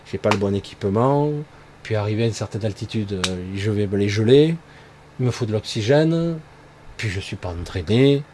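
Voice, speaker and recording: A spiritual speaker with a lowish, darkish voice delivers a loose monologue on spiritual growth. He rambles with lots of fillers and tag words, over a little hiss or hum.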